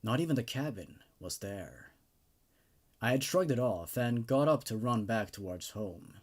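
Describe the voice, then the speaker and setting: Narrating horror tales with drama and emphasis, the host then offers his casual, excited take on them. He speaks unhurriedly and animatedly, his medium-pitched voice a touch mellow.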